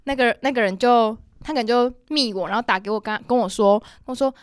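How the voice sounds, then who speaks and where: Give me a high-voiced young woman in casual chat. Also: fast, clear, resonant tone, no echo, clean studio sound. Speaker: podcast co-host.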